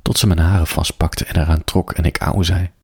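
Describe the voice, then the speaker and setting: A man reading an adult story aloud as a bedtime story, soft, slow and intimate, drifting into whispers, close to the microphone. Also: low-pitched, steady tone, slightly rough, no room sound.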